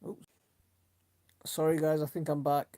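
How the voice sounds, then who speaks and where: The middle-aged host sounds on the high side, flat and a little slow, with a dark tone and no echo. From South Yorkshire and speaking with a Yorkshire accent, he chats loosely on his live stream, wandering off topic and reading out comments in a friendly manner.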